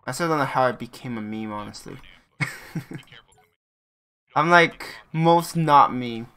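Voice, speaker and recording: A man's voice: mid-range voice, takes it slowly, pushed and bright, clear, resonant tone. A man streaming himself playing a game, chatting casually with viewers and laughing often. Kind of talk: casual live-stream chat while playing.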